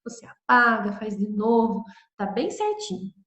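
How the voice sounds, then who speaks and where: Woman, Brazilian Portuguese accent, primary school teacher, patient and affectionate, higher voice, echoey room. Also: sing-song, a little slow. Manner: gentle, patient, affectionate, explaining step by step. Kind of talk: recorded video lesson for children.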